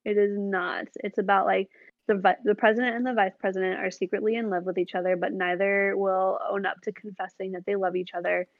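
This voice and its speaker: A woman with a gravelly, fry-laden voice chats casually and gets animated as she explains what she's been watching. The sound is dry and close, with a slightly dull, lo-fi tone. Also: mid-range voice, brisk, dry recording. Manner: chatty, animated when describing shows. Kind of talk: casual chat.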